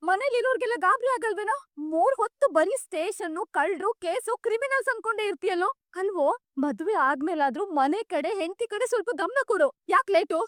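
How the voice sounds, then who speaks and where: A fussing middle-aged mother who nags her son. Her voice is high and scolding. The sound is close and dry. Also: animated, quick pace, a bit bright, no room sound. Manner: scolding, nagging. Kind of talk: television serial acting.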